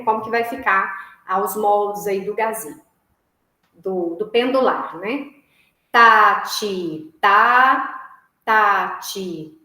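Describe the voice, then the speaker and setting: A woman's voice: mid-range voice, echoey room, poor audio. A woman music teacher with a Brazilian Portuguese accent, explaining a lesson patiently and checking in with short tag questions, sometimes chanting rhythm syllables. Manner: explanatory, tags phrases with "né?" and "tá?".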